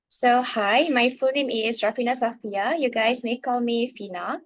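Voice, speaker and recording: A young woman from northern Malaysia, with a Malaysian accent, appears as a guest on a casual podcast. She answers in a relaxed way, pausing often and saying "um" a lot. Her voice is fairly high, and the audio sounds dull.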